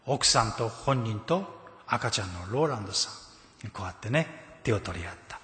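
A male pastor preaches, telling his story and quoting scripture with strong emphasis. His voice is bright and forward. It rings out with a long reverb in a big hall. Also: mid-range voice. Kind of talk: sermon.

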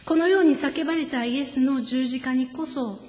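A woman preacher, giving a sermon with gentle personal stories and slowing down for solemn points. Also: sits high. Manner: gentle storytelling, slows down for solemn emphasis. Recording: echoey hall with long reverb.

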